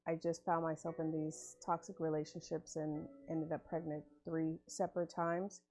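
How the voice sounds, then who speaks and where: A woman in her thirties giving a quiet, subdued personal testimony. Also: deep voice, little pitch movement, normal speed, soft background music. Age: 30s. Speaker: testimony speaker.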